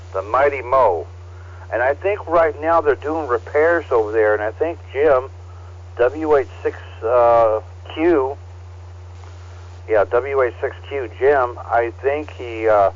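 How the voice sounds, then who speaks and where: Man running a ham radio net over the air. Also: mid-range voice. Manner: relaxed, halting, reads call signs with many fillers. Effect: heard over a ham radio transceiver. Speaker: net control operator of an amateur radio net. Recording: dull, lo-fi radio audio.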